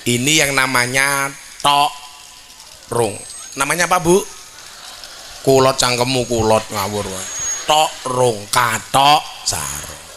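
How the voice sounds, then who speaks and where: A man's voice: mid-range voice, expressive, slow, pauses often, bright, forceful tone, slight background noise. A man preaching a humorous sermon to a large gathering, telling jokes about his child. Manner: joking storyteller, mimics his child and mixes in Javanese. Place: outdoor religious gathering before a crowd.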